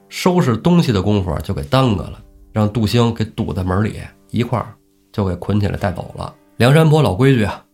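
A man telling a classic tale on a casual storytelling podcast, acting out the characters' lines with lively energy. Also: mid-range voice, breathy edge. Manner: lively, acts out characters' shouts. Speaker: storyteller host.

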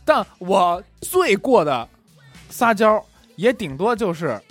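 A man's voice: high-pitched, very animated, slow, dry recording, soft background music. A man, joking and teasing in casual podcast banter. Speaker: podcast co-host.

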